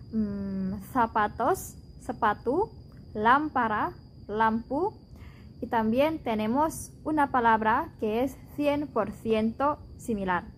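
A woman in her twenties from Indonesia, a Spanish teacher, answering interview questions thoughtfully in her learned Spanish with pauses. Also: a little high, a little hiss or hum, rough recording. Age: 20s.

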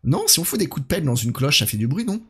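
A man's voice: on the high side, sing-song, racing, husky. A man doing casual live commentary on a horror game while chatting with his viewers.

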